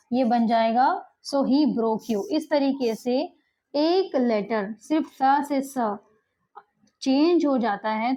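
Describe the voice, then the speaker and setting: A woman's voice: a little high, dark tone, highs cut off. A woman teaching Quran pronunciation, patiently repeating and demonstrating letter sounds. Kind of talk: explanatory lesson.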